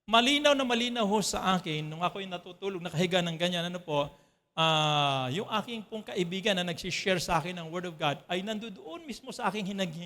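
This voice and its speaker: Male pastor from the Philippines, high bright voice, chatty sermon delivery that checks in with the congregation. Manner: conversational preaching with frequent "ano po" checks to the congregation. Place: church.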